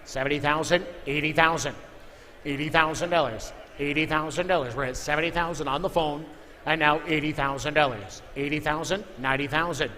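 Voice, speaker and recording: A man's voice: a little high, a little fast, pushed and bright. A man working as an auctioneer, calling live bids in a repetitive chant of figures. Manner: repeats figures and calls for bids. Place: large indoor auction room. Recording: echoey hall with clear background noise.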